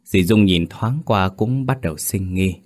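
A man with a very deep, low voice narrates a scripted horror story. His delivery is measured and dramatic, unhurried through each phrase. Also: darkish tone.

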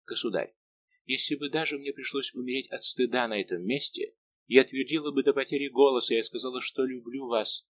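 A man's voice: medium pitch, a little fast, fairly bright tone, natural voice. A man reading as a desperate young woman in love. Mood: impassioned. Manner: impassioned, pleading.

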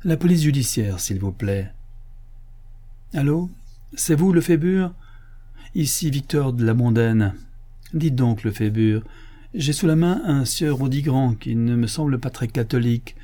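Man doing a brusque, pushy police inspector for an audiobook, raised pitch, dark tone. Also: expressive, a little slow, pauses often. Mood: brisk. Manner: insistent and brusque. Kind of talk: audiobook character voice.

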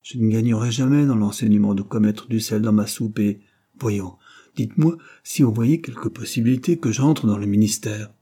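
A male narrator reads as a petulant young man, a sulky, restless student who pleads and sulks, in an audiobook. He speaks at normal speed in a fairly low, mellow voice with a breathy edge.

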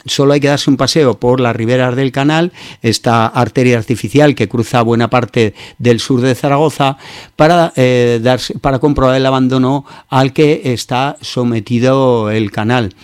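A radio host with a Peninsular Spanish accent and a medium-pitched voice delivers opinionated, informal news commentary at a moderate pace with fairly even intonation. His phrasing halts and regroups as he goes, and the recording is dry with no room sound.

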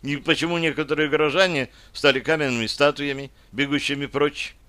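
A man's voice: a little high, steady tone, a little fast, a bit bright, voice pushed up, lightly acted. A man voicing a pushy young amazon woman. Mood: insistent. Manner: demanding, irritated and anxious.

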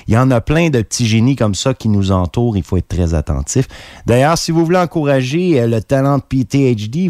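Man, radio music host, very low voice, dry close studio sound, eager delivery. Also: a little mellow, no room sound. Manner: enthusiastic, pitch jumping up on key words. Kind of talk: radio music show presenting.

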